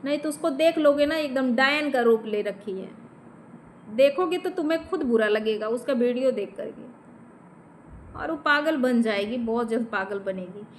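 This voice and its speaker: A woman with a high voice and a Bhojpuri accent talks straight into the camera, confrontational and emphatic. She speaks to an absent man and keeps checking with short tag questions. There is a faint background hum. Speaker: vlogger. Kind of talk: direct-to-camera vent.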